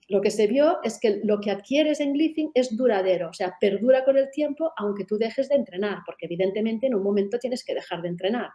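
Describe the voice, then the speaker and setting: A Catalan woman whose first language is Catalan presents in a webinar as the founder of a method. She explains things with frequent tag questions and restarts, in a mellow, medium-pitched voice.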